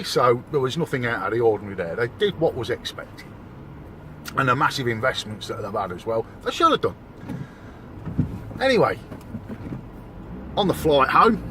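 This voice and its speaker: A man's voice: medium pitch, fairly bright tone. A man ranting in a blunt, slangy, indignant way from his car in a traffic jam. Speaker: vlogger. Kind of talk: ranting monologue. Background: faint traffic and car noise.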